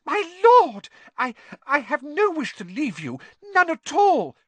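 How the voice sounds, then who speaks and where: A man voicing a timid, servile wizard henchman in an audiobook, squeaky, anxious and pleading, words tumbling out in a rush. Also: very animated, moderate pace, no echo, exaggerated voice. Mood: cringing, frightened.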